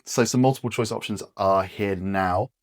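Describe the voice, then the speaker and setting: A man guiding aphasia word-finding exercises as a speech therapist, speaking patiently and encouragingly with pauses. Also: lowish voice, no echo, clean studio sound.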